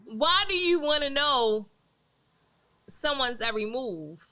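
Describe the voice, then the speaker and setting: A woman's voice: high voice, animated, takes it slowly, crowd noise. A woman co-hosting a casual panel talk show, chatty and often chiming in with "mm-hmm". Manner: frequent affirming "mm-hmm", chatty. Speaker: co-host.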